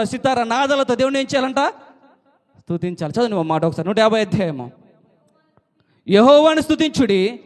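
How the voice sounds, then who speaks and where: A man preaching a sermon in a repetitive chanting cadence, his phrases dropping low at the ends. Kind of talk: Telugu sermon. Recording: long hall reverb.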